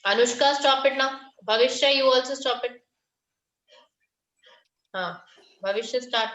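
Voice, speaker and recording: A woman's voice: sits high, normal speed, a bit bright. Female Indian schoolteacher, instructive online-class delivery, mixes Hindi and English, boxy room echo. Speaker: primary school maths teacher. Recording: muffled, echoey online class call.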